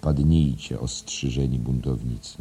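A man reading a literary audiobook in a measured, even way. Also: very deep voice, a little hiss or hum. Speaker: audiobook narrator. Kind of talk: scripted literary narration.

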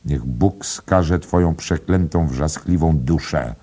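A man's voice: very deep voice, moderate pace, creaky, warm tone, husky, heavily acted. A man voicing a bitter, mocking aging Irish father who scolds and sneers. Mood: angry. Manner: scolding, sardonic.

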